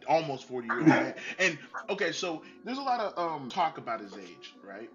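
A man interviewing a guest over a voice call, asking questions in a relaxed, chatty way. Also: fairly high pitch, moderate pace, lo-fi sound, loud music behind the voice.

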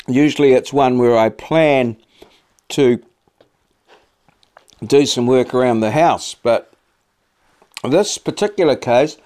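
A middle-aged man with a New Zealand accent, chatting casually to camera in a halting, laconic, blokey way. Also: medium pitch, darkish tone. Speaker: vlog host. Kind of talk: casual chat to camera while eating. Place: small cluttered home office, indoors.

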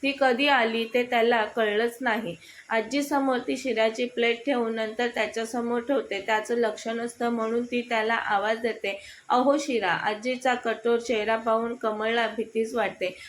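A woman reading aloud as the storyteller of a romantic story, in a steady, even way. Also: a little high, normal speed, slight background noise. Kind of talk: read-aloud story narration.

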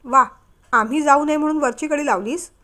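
A woman's voice: high-pitched, brisk, pushed and bright. A woman voicing a young mother who teases and lightly scolds her husband in a storybook reading. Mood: teasing. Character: warm teasing young mother, firm at heart.

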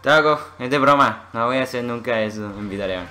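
A man giving excitable gameplay commentary, swearing and making gun noises. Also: mid-range voice, fairly quick. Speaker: gamer playing a shooter.

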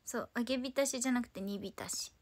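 Her voice here is a little high and brisk. She's a twentysomething idol from Tokyo, Japan, running a relaxed solo livestream where she banters playfully in response to what viewers write.

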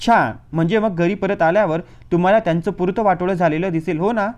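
A man reading an audiobook who voices a snappish middle-aged aunt in a higher, louder, scolding tone. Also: fairly quick, natural voice. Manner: scolding, exasperated.

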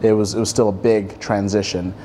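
A man's voice: on the low side, flat delivery, a little fast, mellow, slight background noise. A man in his twenties, raised across Africa, answering interview questions thoughtfully with many ums and restarts in a studio. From Ethiopia, raised across Africa. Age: 20s. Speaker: guest artist. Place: dim studio with armchairs.

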